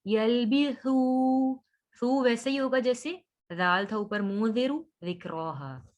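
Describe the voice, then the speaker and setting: Slow, patient woman tajweed teacher. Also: medium pitch, animated. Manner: patient, corrects pronunciation sound by sound; draws out recited words slowly, then explains quickly. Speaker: Quran recitation teacher. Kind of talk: online tajweed lesson.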